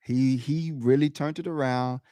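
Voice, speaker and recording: Man, podcast co-host, lively casual sports talk, mid-pitched voice, dry close sound. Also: unhurried, no room sound. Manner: animated, laughs often, loud shouted impressions of the crowd.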